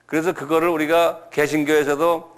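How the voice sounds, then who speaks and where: A male pastor giving a lecture-style sermon, repeating key words slowly and asking his listeners questions. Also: on the high side, little pitch movement, smooth.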